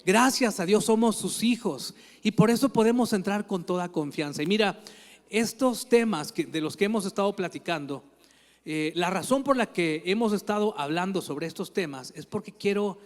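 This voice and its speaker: A man's voice: high voice, lively intonation, moderate pace. A male pastor, preaching in a conversational, storytelling way. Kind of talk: sermon. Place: church hall. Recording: long church hall reverb.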